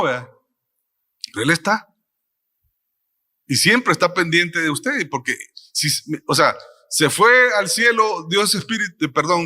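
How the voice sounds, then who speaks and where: Bright, lively preacher man. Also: a little high. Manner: animated storytelling, acts out his own quotes; addresses the audience with frequent ¿verdad?. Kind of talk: testimonial sermon.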